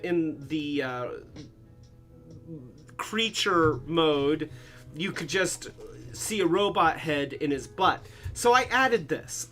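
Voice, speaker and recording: A man's voice: fairly high pitch, fairly bright tone. A man hosting a casual live stream, a little drunk and slurring, rambling with restarts as he shows toys. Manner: rambling, restarts, a bit tipsy. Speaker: host of a toy live stream.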